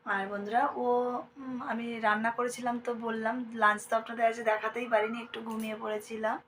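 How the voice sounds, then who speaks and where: A woman's voice: on the high side, level tone, fast talker, slight background noise. A young woman with a Bengali accent, talking chattily to her viewers as friends in a casual home vlog. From India. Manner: speaks softly at times so her sleeping daughter is not woken. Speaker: vlogger. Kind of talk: casual daily vlog narration. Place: at home, indoors.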